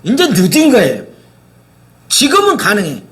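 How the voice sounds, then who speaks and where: A man's voice: sits high, wildly swooping pitch, normal speed, a bit bright. A man preaching a sermon as pastor, constantly asking his listeners rhetorical questions and dramatically acting out the words of biblical figures.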